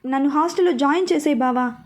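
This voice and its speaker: అలిగిన యువతి, కథకురాలు చేసే. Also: female voice, high-pitched, fast. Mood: sulky. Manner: sulky, pleading. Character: young woman, playful, easily hurt.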